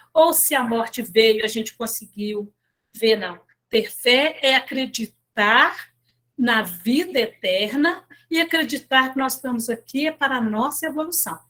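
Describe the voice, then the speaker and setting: In a fairly high-pitched voice with a fairly bright tone, a woman chats her way through an informal spiritual talk to a study group. As a lay speaker at a spiritist center, she tells stories, adds filler tags and speaks directly to her listeners in asides.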